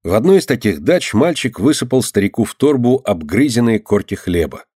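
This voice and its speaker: A man's voice: mid-range voice, sing-song, fairly quick, warm tone, slightly rough, dry recording, studio quality. Man reading a storybook aloud. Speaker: narrator. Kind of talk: audiobook narration.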